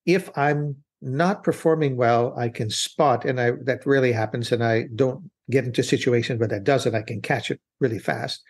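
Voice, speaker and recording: A man's voice: mid-range voice, normal speed, hardly any pauses. A man as an interview guest, speaking earnestly and reflectively in long, winding answers with restarts. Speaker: business consultant guest. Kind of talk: interview conversation.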